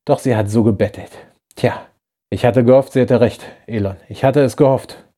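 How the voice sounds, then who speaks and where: A man's voice: medium pitch, fairly even intonation, normal speed, warm tone, close to an everyday voice. A man voicing a bitter rebel who betrayed his old friend, talking in an urgent, reproachful way in a science-fiction audiobook. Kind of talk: audiobook character voice.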